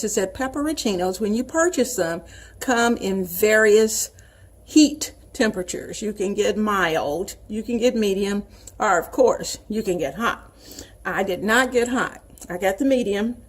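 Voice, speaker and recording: A woman with a Southern US accent, chatting in a folksy way to viewers as she hosts a casual home cooking demonstration. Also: mid-range voice. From Southern United States. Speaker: home cooking show host.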